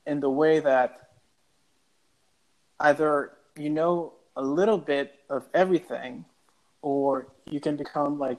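A man's voice: on the high side, low-quality recording. A young man from El Salvador, a cardiology fellow, answering interview questions casually with many fillers and restarts. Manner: hesitant, many uh fillers and repeated words. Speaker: guest cardiologist.

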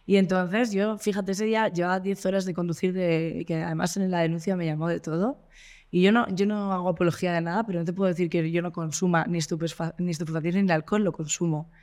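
Woman, Spanish accent, podcast guest, blunt, animated, very fast. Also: on the low side. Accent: Spain. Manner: animated, blunt storytelling with swearing. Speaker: guest singer and activist. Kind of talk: casual podcast interview.

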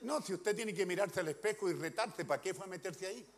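High-voiced preacher, swinging loud and soft. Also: male voice, a little fast. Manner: emphatic, questioning the congregation, swinging loud and soft. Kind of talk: sermon.

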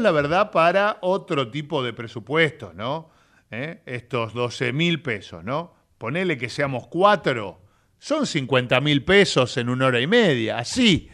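Lively Rioplatense man hosting radio. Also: on the high side, a little slow. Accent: Rioplatense Spanish. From Argentina. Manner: chatty and animated, lots of filler tags. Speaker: radio host. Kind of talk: casual radio chat. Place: radio studio.

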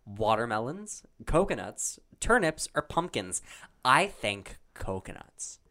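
Animated man reading trivia. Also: medium pitch. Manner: animated, halting, laughs often. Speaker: quiz reader. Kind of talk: casual chat reading trivia aloud.

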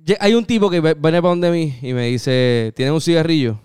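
A man's voice: fairly high pitch, lively intonation, moderate pace, a little mellow, smooth, dry recording, clean studio sound. A young Puerto Rican man chatting casually as a co-host, telling stories with acted-out dialogue and frequent swearing. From Puerto Rico. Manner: storytelling, swearing, acts out dialogue. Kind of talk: casual chat.

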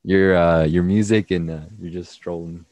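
A teenage young man from Mexico guests on a casual podcast. His voice is very low, and he speaks in halting bursts with frequent restarts. The recording is dry and close. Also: fairly even intonation, a little mellow, dry recording. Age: teens. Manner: hesitant, halting, laughs often. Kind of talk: casual interview chat.

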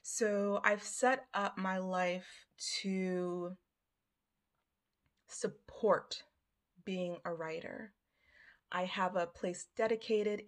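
Slow, reflective woman podcaster. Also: medium pitch. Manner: slow, deliberate, with pauses. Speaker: podcast host. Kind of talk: reflective monologue.

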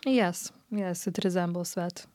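A woman organist co-hosting a talk about organ music, speaking in a measured, agreeable way. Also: lowish voice, darkish tone, dry recording. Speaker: organist and podcast co-host. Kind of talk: casual discussion.

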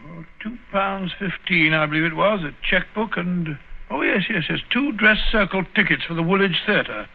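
Genial English doctor, high-pitched voice, chatty and slightly fussy, radio drama, tinny vintage recording. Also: male voice, lively intonation, moderate pace, creaky, exaggerated voice. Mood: puzzled, informative. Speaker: actor and story narrator. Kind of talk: old-time radio drama acting.

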